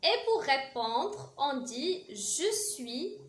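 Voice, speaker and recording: A Moroccan woman teaching French to beginners, repeating each phrase slowly and emphatically, then adding quick asides. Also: high voice, big pitch swings, roomy sound. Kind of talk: language lesson for beginners.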